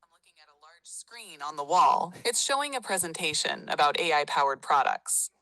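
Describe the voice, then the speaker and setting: A woman's voice: deep voice, sing-song, moderate pace, bright, forceful tone, dry recording, poor audio. A synthetic female AI assistant voice answering politely and helpfully. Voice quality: smooth synthetic voice.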